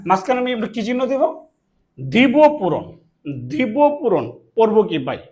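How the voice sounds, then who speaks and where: A man from Bangladesh, teaching a classroom math lesson, asking questions and answering them himself. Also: sits high. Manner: asks and answers his own questions, repeats key words.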